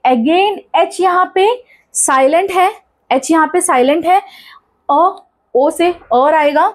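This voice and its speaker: A woman with a high voice and an Indian accent leads a classroom-style grammar lesson. She keeps asking questions and answering them herself, repeating the key rules over and over. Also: a little mellow. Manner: mixes Hindi with English terms. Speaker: English grammar teacher.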